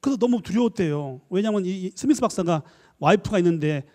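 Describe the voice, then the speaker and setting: A man, a professor, giving a lively church lecture, acting out little dialogues and coaxing his listeners. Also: sits high, fast. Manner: animated, acts out dialogues, coaxing the audience. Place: church hall. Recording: long hall reverb.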